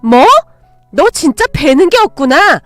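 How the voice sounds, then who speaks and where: A woman voicing a harsh, greedy middle-aged mother who scolds and shouts at her grown daughter. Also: extremely high pitch, big pitch swings, moderate pace, no echo, soft background music, pitched above the performer's own voice, heavily acted. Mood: scolding.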